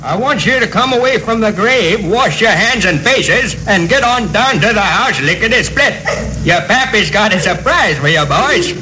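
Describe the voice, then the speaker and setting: An actor playing a brisk, folksy figure in broad parody television style. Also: male voice, sits high, animated, pushed and bright, slight background noise, heavily acted, poor audio.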